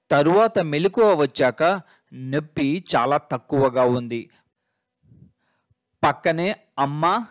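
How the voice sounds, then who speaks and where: A man reading a first-person story aloud in a measured, emotional storytelling manner. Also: on the high side.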